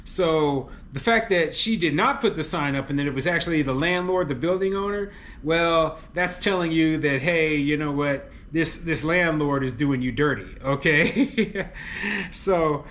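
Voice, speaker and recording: A man who owns rental homes talks through a news story in a loose, chatty way. He leans on fillers like "you know" and "okay" and laughs often. His voice sits a little high, and he turns openly exasperated as he gives his opinions. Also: unhurried, fairly bright tone, a little hiss or hum. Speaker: landlord and real estate commentator. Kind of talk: casual commentary reading a news article.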